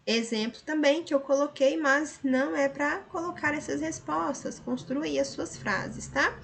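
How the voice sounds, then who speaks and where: In a recorded lesson, a woman teacher with a Brazilian Portuguese accent patiently goes over the answers one step at a time, often adding tag questions. Her voice is high and a little bright.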